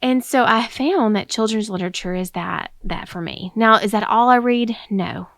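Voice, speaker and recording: A woman's voice: a little high, moderate pace, a bit bright, no echo, clean studio sound. A young woman hosting a casual solo podcast, a little out of breath, rambling with lots of ums and restarts. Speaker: podcast host.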